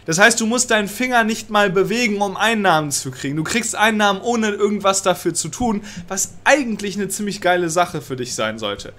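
A young political commentator with a cold speaks in a high, expressive, slightly bright voice, brisk and with hardly any pauses. He reads a law text aloud in a small indoor room, agitatedly cursing through his commentary and dropping in English words.

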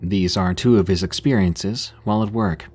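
A man narrating first-person horror stories in a steady, measured way. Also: sits low, slightly rough. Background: faint music.

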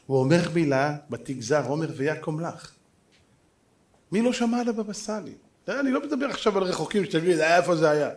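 A man giving a dramatic rabbinic sermon, telling stories and acting out the dialogue, swinging from loud exclamations to hushed asides. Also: high-pitched. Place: synagogue or lecture hall.

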